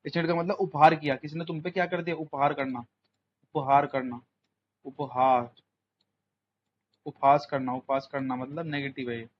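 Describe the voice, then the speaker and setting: A man's voice: a little high, steady tone, a little slow, pauses often. A young man teaching English vocabulary for an exam, chatting in Hindi mixed with English words and quizzing his students. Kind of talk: exam coaching lesson. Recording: muffled lo-fi audio, faint room noise.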